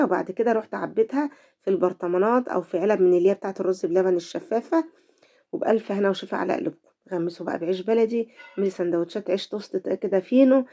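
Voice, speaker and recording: A woman's voice: mid-range voice, warm tone. A middle-aged woman with an Egyptian Arabic accent hosting a home cooking tutorial, chatty and speaking straight to her viewers, her voice affected by a cold. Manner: chatty, talks to viewers directly. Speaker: cooking channel host.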